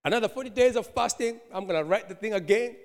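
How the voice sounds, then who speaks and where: God figure done by a man, patient then firm, higher register, hall echo. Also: fast. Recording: long hall reverb.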